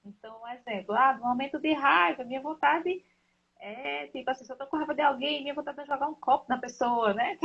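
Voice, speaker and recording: A woman's voice: high voice, creaky, slight background noise. A woman hosting a casual live talk, explaining at length and often checking in with "né?". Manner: explanatory, leans on "né?" and "então, assim". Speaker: host of a live discussion. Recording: dull lo-fi live stream audio.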